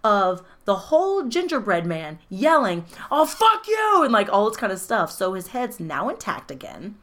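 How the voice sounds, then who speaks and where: A woman in casual chat, recapping a film with profane, animated storytelling and frequent laughter. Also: medium pitch, normal speed. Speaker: podcast co-host recapping a film.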